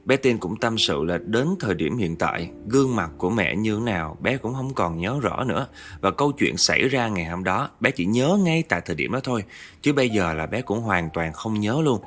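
Man, ghost story narration, chatty, low voice, faint background music. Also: fairly bright tone. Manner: chatty, addresses listeners directly.

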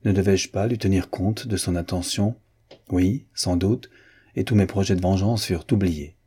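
A man narrating a classic novel as an audiobook reader, in an even, unhurried manner. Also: sits low, husky.

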